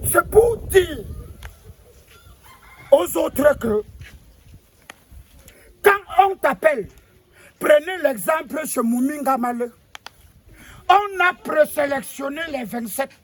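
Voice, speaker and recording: A man's voice: extremely high pitch, expressive, slow, pauses often, a little hiss or hum, full character voice. A man playing a pompous old self-styled spokesman of the ancestors, rambling and stammering as he sermonizes. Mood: sermonizing. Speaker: comic figure lecturing on national football. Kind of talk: comedy sketch monologue.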